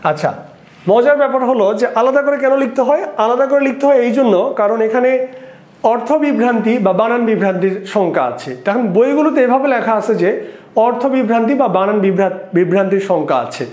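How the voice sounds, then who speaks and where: A man's voice: extremely high pitch, fast, darkish tone. A man teaching an exam-prep lesson, asking rhetorical questions and repeating the key points. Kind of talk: lecture solving exam questions. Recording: roomy echo.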